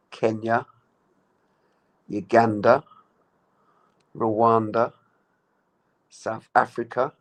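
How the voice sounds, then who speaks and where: A man from Jamaica, giving measured, plain-spoken answers as an interview guest. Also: medium pitch, rough recording.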